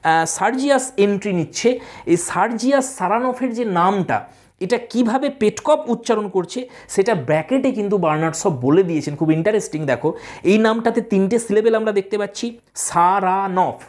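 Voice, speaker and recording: A woman tutor explaining a play line by line, reading each English line slowly and then explaining it. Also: medium pitch, lively intonation, darkish tone.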